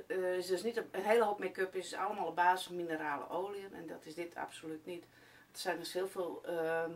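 A woman in her forties who owns a hair and beauty salon, speaking hesitantly with many fillers as she presents her business to camera. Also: fairly low pitch. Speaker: salon owner. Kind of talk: promotional talk to camera. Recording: distant camera mic with faint room noise.

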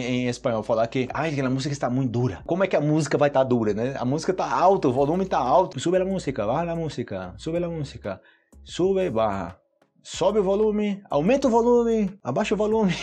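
A Brazilian man with a slightly husky voice teaches Portuguese in a casual online lesson. His pitch swings widely as he runs through examples. He keeps checking in with quick tag questions. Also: darkish tone. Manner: chatty, explains with repeated examples and tag questions.

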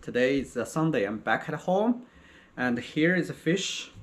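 A middle-aged man vlogging about fishing, talking plainly with many pauses and fillers. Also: medium pitch, lively intonation. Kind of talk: casual vlog narration. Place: on a windy rainy ocean jetty, then a home kitchen. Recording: windy outdoor noise, rough ambience.

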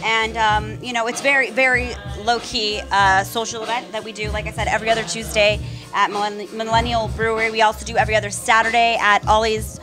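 A woman in her early thirties chats casually into a handheld mic as a guest. Her voice sits a little high, and music plays clearly behind her in the indoor room. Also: little pitch movement, brisk. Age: early 30s. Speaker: interview guest. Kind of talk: casual chat. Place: indoor event room with wooden floor. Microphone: handheld microphone.

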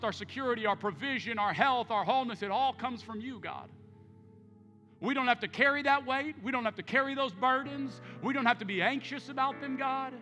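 Male pastor, 30s, high bright voice, passionate storytelling preacher in a reverberant sanctuary. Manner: impassioned, emphatic preaching with storytelling. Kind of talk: sermon. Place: large church sanctuary. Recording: church hall reverb with soft music.

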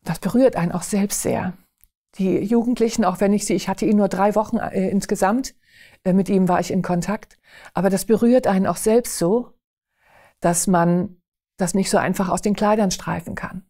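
A woman recounting a personal faith testimony in an earnest, emphatic way, slowing down on key phrases. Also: mid-range voice, steady tone, warm tone.

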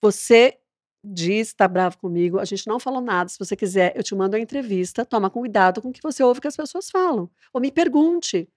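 A woman, a TV presenter, chatting as a podcast guest and telling a story lively, acting out the dialogue. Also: medium pitch, brisk, no room sound, clean studio sound. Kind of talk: casual interview chat.

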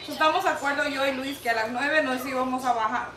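Excitable high-voiced young woman, echoey. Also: quick pace, a crowd in the background. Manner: excitable, mixes in English words. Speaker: co-host, mother. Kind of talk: casual livestream storytelling. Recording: echoey, distant, noisy livestream audio.

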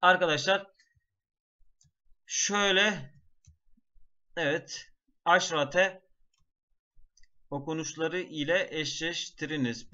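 In a dull, lo-fi recording, a man with a slightly high, sharp-toned voice teaches exam preparation one step at a time. He frequently addresses his class and sings out word lists in a chanting rhythm.

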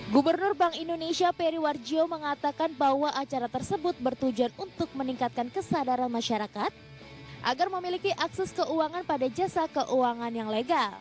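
A woman presenting a business news segment, reading a scripted voice-over in a bright, upbeat way. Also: high-pitched.

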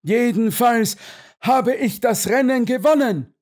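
A male audiobook narrator voicing an excitable elderly army colonel who bursts out in agitation. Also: normal speed, close to an everyday voice. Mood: breathless. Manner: agitated, high-strung outbursts. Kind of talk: audiobook character voice.

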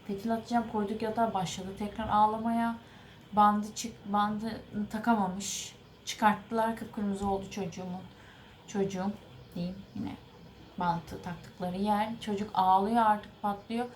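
A woman's voice: mid-range voice, fairly even intonation, unhurried, a little hiss or hum. Woman vlogger, rambly and earnest, keeps fixing her own words, medium voice. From Turkey. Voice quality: rambling, self-correcting recounting. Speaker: vlogger, mother of an infant. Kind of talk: casual storytelling to the camera.

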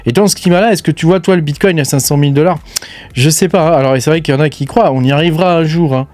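A man's voice: a little high, fast talker, a little mellow, no echo. A man hosting a casual crypto news show, talking straight to the viewer in a chatty, filler-heavy way. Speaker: crypto mining news host. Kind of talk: casual unscripted commentary.

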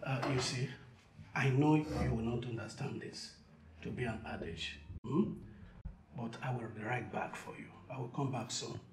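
An actor playing a harried, well-meaning middle-aged Nigerian uncle, pleading and placating in a naturalistic film style. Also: male voice, fairly high pitch, expressive, moderate pace, noisy background, close to an everyday voice. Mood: soft reassuring. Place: roomy indoor clinic waiting area. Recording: roomy sound with faint music.

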